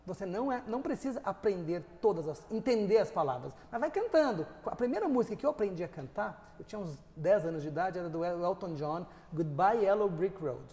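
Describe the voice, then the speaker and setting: A man, an English teacher and author, answering interview questions in a lively, storytelling way. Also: high voice, fairly quick, few pauses, big-room sound. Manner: lively storyteller who sings snippets and laughs. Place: TV studio.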